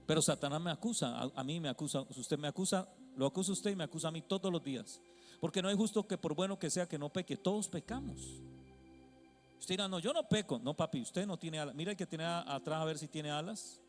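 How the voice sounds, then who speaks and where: A pastor preaches to his congregation, calling out for amens and switching between soft, joking asides and loud, shouted exhortation. His voice sits high for a man. The sound carries a long church-hall reverb with faint music underneath. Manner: call-and-response, repeatedly asking the congregation "amen?" and "hello?"; colloquial and playful, calling listeners "papi". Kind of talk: sermon.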